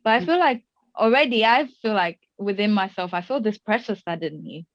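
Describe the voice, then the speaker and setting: A young woman in her twenties hosts a casual podcast chat, her mid-range voice animated and a little fast. Reflective, she thinks aloud and asks probing questions. The recording is dry and close, with no echo, and sounds muffled with a slightly dulled top end.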